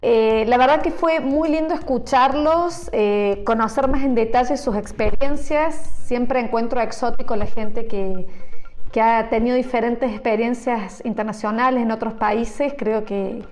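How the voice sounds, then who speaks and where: A woman from Argentina co-hosting a podcast, lively and quick to laugh. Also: on the high side. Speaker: podcast co-host. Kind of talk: casual chat.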